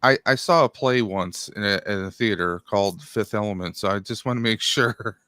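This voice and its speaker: A man's voice: lowish voice, bright, forceful tone, clean tone, dry recording. Guy player rambling in character, lots of um and uh, dry mic. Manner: halting, rambling, many fillers. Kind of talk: in-character roleplay.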